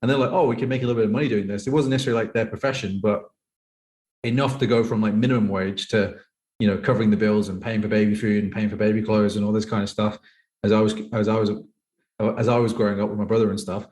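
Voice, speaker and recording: On a podcast, a thirty-year-old poker pro from the UK rambles casually through personal anecdotes, peppering them with "like". His voice sits on the low side with a darkish tone, and he talks fast with fairly even intonation.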